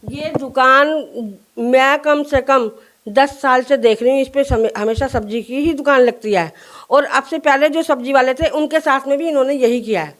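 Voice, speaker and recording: A woman's voice: sits high, moderate pace. A woman shopkeeper in a news interview, recounting in earnest detail what happened and acting out the quoted exchanges.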